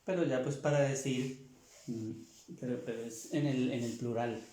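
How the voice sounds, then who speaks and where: A man teaching a French lesson, repeating words slowly and clearly for learners to copy. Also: mid-range voice, fairly even intonation, mellow. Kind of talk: slow language lesson with drilled pronunciation. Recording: echoey room, voice far from mic.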